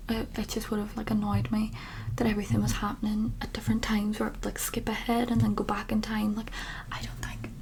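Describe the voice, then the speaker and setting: A woman in a whispered role-play, giving breathy ASMR personal attention close to the mic, with tingly mouth sounds and softly repeated words. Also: medium pitch, monotone, fairly quick, slight background noise. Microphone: close-up ASMR microphone.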